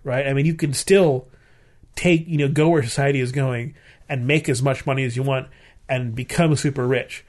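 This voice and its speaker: A man's voice: mid-range voice, fairly even intonation, normal speed, darkish tone. A man co-hosting a show, giving his opinions in casual chat and repeating phrases for emphasis. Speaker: podcast co-host.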